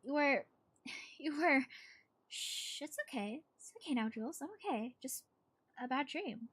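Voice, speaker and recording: A woman voicing a tired, unsettlingly calm girlfriend in a spooky story, gentle and hushing. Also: sits high, a little slow. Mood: soothing, sleepy. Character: eerily soothing girlfriend in a horror story, tired.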